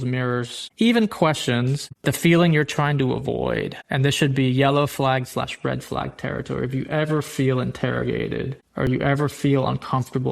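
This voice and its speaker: A man's voice: mid-range voice, creaky. A man hosting his own podcast, talking through business advice in a conversational way with examples and occasional restarts. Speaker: podcast host. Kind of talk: solo business podcast talk.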